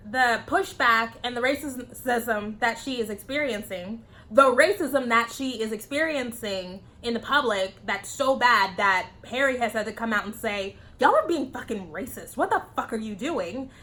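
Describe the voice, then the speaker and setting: A woman talks straight to the camera in a casual opinion vlog, swearing freely and laughing at her own remarks. Her voice sits a little high and comes across bright and forceful. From United States. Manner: blunt, profane, laughs often. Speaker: vlogger.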